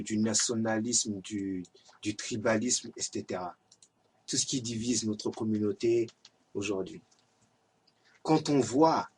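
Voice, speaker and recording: A man's voice: medium pitch, far from the mic, slight background noise. A man giving an earnest, exhorting religious reminder in an amateur home video. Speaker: lay preacher.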